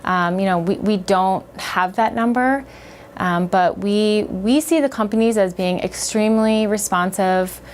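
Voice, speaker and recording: A woman official answers interview questions in a conversational way, often pausing on "um." Her pitch is middling, with faint noise behind her. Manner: conversational, with frequent "um"s. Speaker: child-protection agency official.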